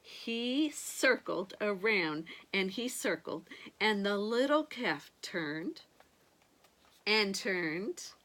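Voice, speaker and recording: A sweet, grandmotherly older woman reads a picture book aloud to children, expressively drawing out key words and adding gentle asides. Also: mid-range voice, expressive, extremely slow. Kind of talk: animated read-aloud storytelling with asides to young listeners.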